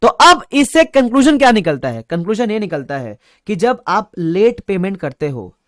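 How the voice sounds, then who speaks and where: Animated playful man teaching. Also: high-pitched, moderate pace, dry recording, studio quality. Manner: playful storytelling, acts out shopkeeper dialogue loudly. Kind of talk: live online class lecture.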